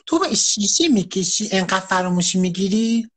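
A woman's voice: mid-range voice, expressive, a little hiss or hum. A woman joining a live stream and taunting the host with teasing questions.

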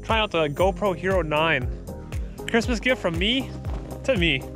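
A man's voice: sits high, measured pace, music in the background. A man in his thirties chatting casually while ice fishing outdoors, upbeat and rambling, recorded on a body-worn action camera. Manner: upbeat, rambling, excited when fish bite. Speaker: vlogger, angler. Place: outdoors on a frozen lake.

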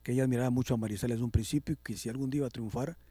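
A man, a songwriter being interviewed, talks in a reflective, grateful way and often fills his pauses with "este". His voice is dark and husky. It is recorded dry and close, with no room sound. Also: medium pitch, steady tone, no echo. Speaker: songwriter guest. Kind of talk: casual interview conversation.

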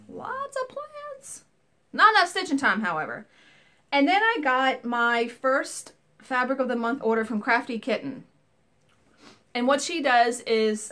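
A woman's voice: on the high side, fairly bright tone. A woman in her thirties chatting casually through a cross-stitch haul video from a small home craft room, recorded on a webcam. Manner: chatty, enthusiastic, rambling asides. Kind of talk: casual show-and-tell haul.

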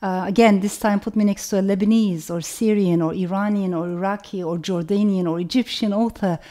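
Her voice is medium-pitched, steady and dark, with a Turkish accent; she's a middle-aged novelist from Turkey hosting her own channel. She reflects on her origins in a measured, thoughtful manner, chaining lists together at length and reading a passage.

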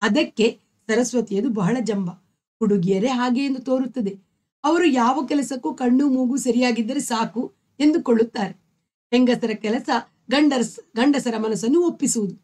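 A woman with a Kannada accent reading a short story aloud in a measured storytelling manner. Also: mellow. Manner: measured storytelling, lifting her pitch for the characters' lines.

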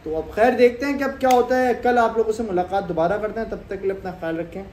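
A young Pakistani man vlogs about cricket from a sofa in a small room at home, chatting casually to the camera and gesturing with his hands. His voice sits high and steady, and he talks fast. The room is echoey, with a faint hum in the background.

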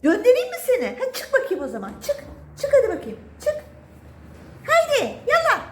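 A woman's voice: very high voice, wildly swooping pitch, quick pace, mellow, echoey room. A woman talking to her pet cats at home in a playful, teasing, scolding baby-talk voice. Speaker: cat vlogger. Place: home, indoors.

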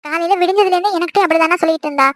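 A woman voicing an emotional young married sister in an animated cartoon, pleading and tearful. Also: very high voice, no echo. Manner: pleading and tearful, quick chatter.

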